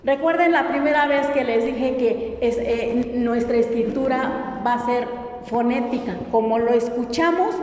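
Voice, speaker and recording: Slow, high-voiced woman teaching in an echoey hall. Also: darkish tone. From Oaxaca coast, Mexico. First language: Mixtec. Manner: patient, repeats words slowly with exaggerated tones. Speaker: language teacher. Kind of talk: classroom teaching. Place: university auditorium. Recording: echoey auditorium, long reverb, faint noise.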